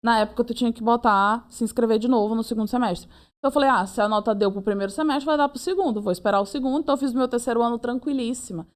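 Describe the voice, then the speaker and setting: This is a young woman being interviewed. She tells her story in a casual, lively way. She keeps slipping into acted-out quotes of her own and other people's words. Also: a little high. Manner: animated, acts out her own and others' lines in quick reported speech. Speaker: interviewee, approved medical student.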